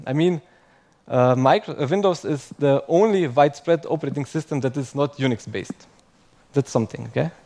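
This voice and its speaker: Medium in pitch and darkish in tone, this young man's voice moves at normal speed as he delivers a conference talk to a live audience. English is not his first language, and his chatty, self-mocking style often ends a point with "okay?".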